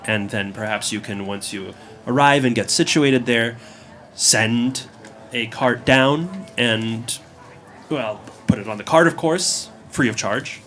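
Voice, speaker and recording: A hesitant, obliging village barman, as a man puts him on for a tabletop game. He talks slowly, stopping and restarting often, in a plain middle voice. A faint hum of ambience sits behind him. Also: medium pitch, fairly bright tone. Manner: hesitant, full of ums and restarts.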